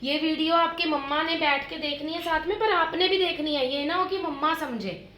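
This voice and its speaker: High, bright Indian woman teaching phonics. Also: roomy sound, slight background noise. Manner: slow, drawn-out word drills addressed to children as "beta". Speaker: primary school teacher. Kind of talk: online phonics lesson for young children.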